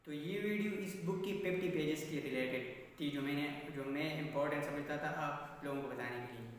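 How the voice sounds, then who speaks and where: A man's voice: fairly high pitch, brisk. A man, earnestly explaining a book's lessons as a self-improvement vlogger, repeating and rephrasing his points. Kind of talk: casual talking-head book summary. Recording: very echoey room, far from the mic, faint hiss.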